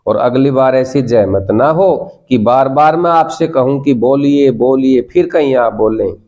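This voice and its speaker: A man's voice: mid-range voice, unhurried, a little mellow. A man with an Indian accent teaching a spoken English class, coaxing the students and repeating prompts for them to say back. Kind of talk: classroom lesson.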